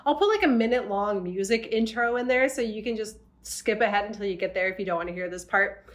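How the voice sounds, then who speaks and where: A woman's voice: medium pitch, fast talker. A woman hosting a podcast, chatting casually and informally to her listeners. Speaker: podcast host. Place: quiet, slightly echoey rental townhome room.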